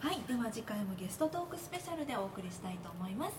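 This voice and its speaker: A woman's voice: on the high side, sing-song. A woman hosting a radio talk show, politely thanking her guests and wrapping up the episode. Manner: brisk, polite, wraps up the show. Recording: echoey room with crowd murmur.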